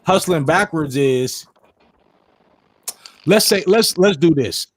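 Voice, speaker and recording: A man in his thirties hosts a casual livestream chat, using profane slang and steering the conversation with questions. His voice is a little high and breathy-edged, with lively intonation and a slow pace, and his mic distorts at times.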